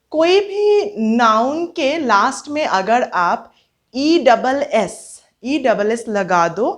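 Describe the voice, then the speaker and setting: Woman teaching grammar, slow and deliberate, spells stuff out, highish voice. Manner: deliberate, spells out letters and repeats examples, mixes Hindi with English. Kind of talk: classroom grammar lesson.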